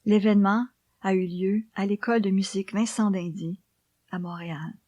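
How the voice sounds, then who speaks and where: A woman reading memoir and poems in a soft, hushed library whisper, with slow, deliberate phrasing. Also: mid-range voice, steady tone, no room sound, muffled recording. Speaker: author reading her own book.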